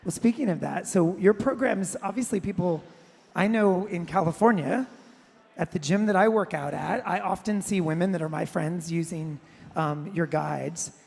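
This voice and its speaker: A woman interviewer asking measured, prepared questions on stage in front of a live audience. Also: fairly low pitch, vocal fry, darkish tone, husky. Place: large hall before a live audience. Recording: long hall reverb.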